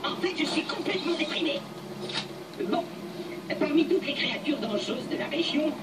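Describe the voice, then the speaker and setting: An actor voicing a talkative little male robot sidekick in a video game dub, his high, bouncy speech run through a robotic voice filter. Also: expressive, moderate pace, very noisy. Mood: chatty. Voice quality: high, bouncy, babbling delivery. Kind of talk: dubbed video game dialogue. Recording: game audio heard at a distance over loud music.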